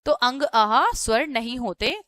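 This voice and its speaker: Bright, high-voiced woman teaching a lesson. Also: a little slow, no room sound. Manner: explains step by step, asking and then answering her own questions; repeats "ठीक है" often as a check-in. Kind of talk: classroom-style grammar lesson.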